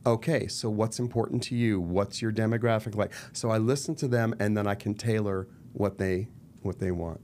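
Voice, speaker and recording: A middle-aged man with a lowish voice talks at a normal speed, gesturing a lot as he speaks animatedly into a desk mic on a boom arm. He's a guest on a casual podcast interview, the founder of a murder mystery company, sitting in a purple-lit studio. A little hiss or hum sits under the recording.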